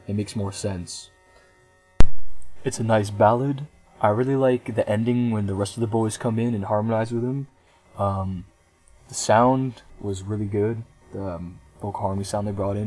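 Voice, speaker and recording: A young man in his twenties talks through an album review in a loose, unscripted way. His voice sits a bit low, and he pauses often with ums and restarts his sentences. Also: darkish tone. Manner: rambling, hesitant with many ums. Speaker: music reviewer. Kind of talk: casual album review vlog.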